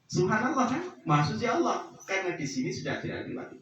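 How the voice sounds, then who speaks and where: A man gives a religious teaching talk to pilgrims, his voice a little high for a man. He speaks directly to his listeners and sinks into hushed prayer tones. The sound comes from far off through a very echoey space. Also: very animated, fast, highs cut off, slight background noise. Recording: very echoey, from far off, faint ambience.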